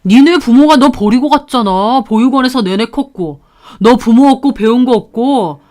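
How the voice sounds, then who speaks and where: A cold, sneering husband, as a woman narrator plays him, speaking in a flat, belittling tone. His voice stays near the storyteller's own, with no real deepening, only a curt, dismissive edge. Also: moderate pace, lightly acted. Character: blunt, sneering husband, a man.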